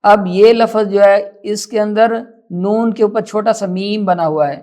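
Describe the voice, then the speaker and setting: A Quran reading teacher giving a calm, patient pronunciation lesson, stretching recited words slowly and repeating them to correct common mistakes. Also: medium pitch.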